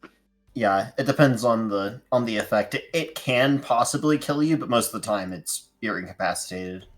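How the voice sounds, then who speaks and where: A man playing a tabletop game, swinging between dry rules talk and loud exasperation at another player. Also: lowish voice, normal speed, soft background music. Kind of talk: casual tabletop game chat.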